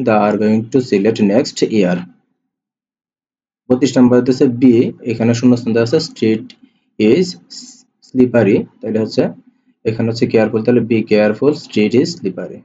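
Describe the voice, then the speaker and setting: With a low, mellow voice, a Bangladeshi Bengali-accented tutor reads out exam questions and repeats the answers one by one. The recording is a dull lo-fi voice-over carrying a faint hiss.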